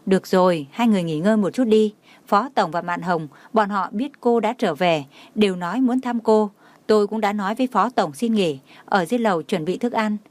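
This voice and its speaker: A woman's voice: mid-range voice, a little mellow, no room sound, lightly acted. A woman reading the lines of a worried young woman who scolds her friend, for an audio novel. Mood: scolding. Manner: scolding, hurried.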